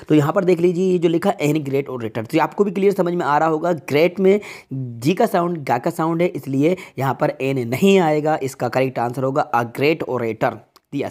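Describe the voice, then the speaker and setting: Patient male teacher explaining grammar slowly. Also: a little high, a little mellow. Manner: reads English example sentences slowly, word by word; keeps asking the viewers rhetorical check-in questions. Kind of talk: explanatory online lesson.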